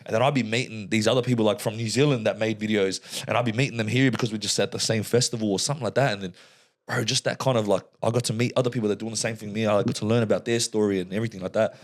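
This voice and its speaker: Young Australian bloke, podcast guest, rapid-fire slangy chat, lowish voice. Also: male voice. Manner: slangy, animated storytelling with bursts of high voices. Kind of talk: casual chat.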